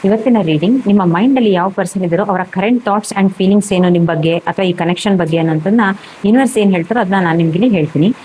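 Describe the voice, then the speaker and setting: A woman's voice: medium pitch, dark tone, breathy edge, rough recording. A woman giving a tarot reading to camera, rambling and repetitive, full of fillers and restarts. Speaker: tarot reader.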